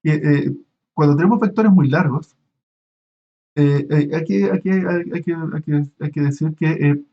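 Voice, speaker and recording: A university lecturer with a voice on the high side teaches online, and the audio is dull. Explaining step by step, he hesitates a lot, restarts often, fills pauses, and asks the students questions.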